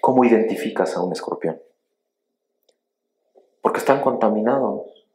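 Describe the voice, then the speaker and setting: A middle-aged man, a pastor, preaching a sermon with emphatic storytelling that swings between loud rises and quiet drops. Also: lowish voice, moderate pace.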